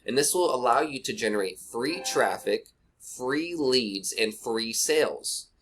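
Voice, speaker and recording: A man's voice: medium pitch, animated, a little slow, a bit bright, a little hiss or hum. Blunt casual man on a webcam mic. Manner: blunt, rambling, talks to viewer directly. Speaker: online marketing instructor. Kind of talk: casual screen-recorded tutorial. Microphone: cheap webcam mic.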